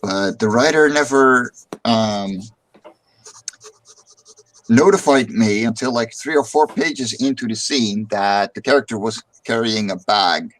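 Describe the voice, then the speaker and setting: Speaking at a measured pace, this streamer and comic artist rambles through casual chat, repeating words when he starts a thought. His voice is medium-pitched and a bit bright, heard through poor audio.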